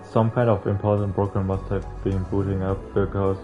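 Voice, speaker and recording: Game music plays behind narrow, phone-like audio as a young streamer works through a visual novel on a streamer mic with face cam. His low voice barely moves in pitch and he's brisk, reading the text aloud and veering into slangy, sweary joking.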